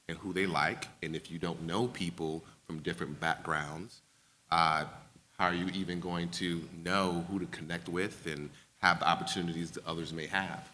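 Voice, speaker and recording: A man from New York speaking as a venture investor on a panel, measured, with some fillers. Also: low-pitched, bright, forceful tone, a little hiss or hum. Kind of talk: panel discussion. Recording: long reverb of event hall.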